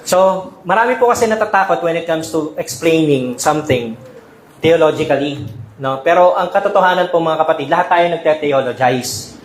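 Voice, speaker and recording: Preaching at a normal pace in a slightly high voice, a pastor mixes Tagalog and English and keeps checking in with his congregation in a conversational way. The church sanctuary recording is echoey, with faint ambience.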